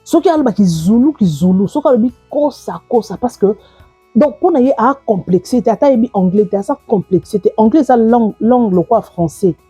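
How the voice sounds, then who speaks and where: Husky woman commenting. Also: fairly high pitch, animated, fairly quick, dark tone, no room sound, faint music behind. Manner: opinionated, talking straight to viewers. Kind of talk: video commentary. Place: South Africa.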